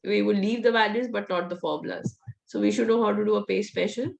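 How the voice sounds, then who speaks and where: With her voice almost worn out and hoarse, a woman teaches VBA in a live online session, answering questions as she goes. Her mid-range voice is a little mellow, steady, and fast, with vocal fry, and her style is direct and coaching, punctuated by frequent laughter.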